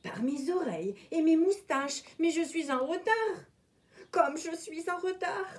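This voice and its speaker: A fussing, flustered storybook rabbit, always late, his voice pitched high and skipping up and down, as a woman reading aloud puts him on. He mutters in a hurry. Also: expressive, a little slow.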